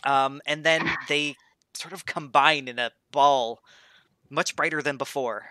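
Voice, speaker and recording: Man, game master, hesitant narration, bright tone, dry close mic. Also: fairly high pitch, steady tone, a little slow, dry recording. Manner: hesitant, many ums.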